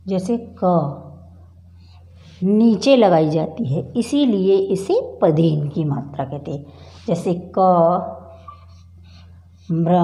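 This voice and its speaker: With a warm, mid-range voice, a middle-aged woman teaches primary schoolchildren at the board. She works slowly and patiently, repeating words and putting questions to the class.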